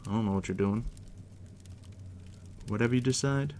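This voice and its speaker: This is a deep-voiced man murmuring in a near-whisper as the dungeon master in an ASMR roleplay, guiding someone new. He sounds casual and in no hurry, teasing in a dry way. Steady fire crackle runs underneath.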